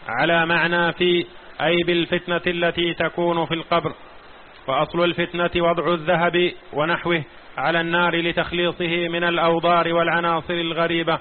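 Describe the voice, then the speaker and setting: Monotone man reading a religious text. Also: on the high side, fairly quick. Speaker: student reading the text aloud. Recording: tinny phone-like recording with faint hiss.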